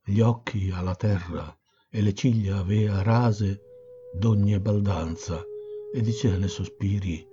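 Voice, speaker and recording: A man reciting classic verse in a measured, dramatic way, in a dull recording with steady hiss. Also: fairly low pitch, music in the background. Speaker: reader.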